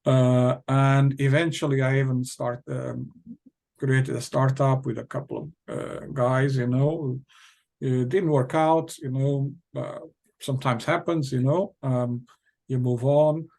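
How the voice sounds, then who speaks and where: A man's voice: medium pitch, fairly even intonation, takes it slowly, creaky, darkish tone. A middle-aged man with a Portuguese accent, a company founder talking casually as an interview guest, hesitant with many fillers and restarts.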